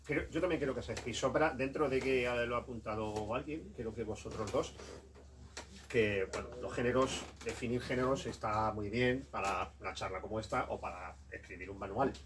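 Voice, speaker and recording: A man speaking as a panelist at a bookstore debate, in a measured, agreeable way. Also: medium pitch, far from the mic, background noise. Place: bookstore event.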